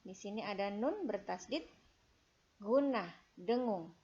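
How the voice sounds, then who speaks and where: Slow, over-enunciating Indonesian woman teacher. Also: medium pitch, lively intonation, a little mellow, dull audio. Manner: over-enunciating, deliberately drawn-out syllables. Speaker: Quran reading teacher for children. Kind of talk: instructional lesson with slow melodic recitation.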